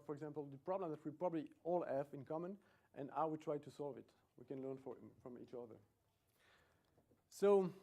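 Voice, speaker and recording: The fairly high, dark-toned voice belongs to a middle-aged Belgian man, accent intact, presenting at a conference in a lecture room. His talk is chatty and pokes fun at himself, and he keeps restarting sentences.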